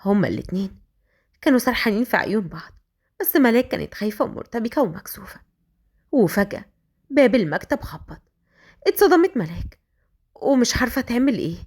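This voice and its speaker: A woman with an Egyptian accent narrating a romance story in a brisk, dramatic manner. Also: on the high side, sing-song, a little mellow, breathy edge. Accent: Egyptian Arabic.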